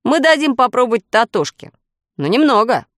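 A woman's voice: high-pitched, a little slow, pushed and bright, dry recording, clean studio sound, pitched above the performer's own voice. A woman voicing a brave, resolute boy who takes charge in a storybook reading. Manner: raised, eager exclaiming voice. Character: boy Fred, brave, resolute older brother.

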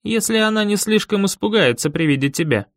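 Brief: man playing a creepy young boy with a knife, calm and ominous, pitched up, dry audiobook sound. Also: brisk, dry recording. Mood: eerie calm. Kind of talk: audiobook character voice.

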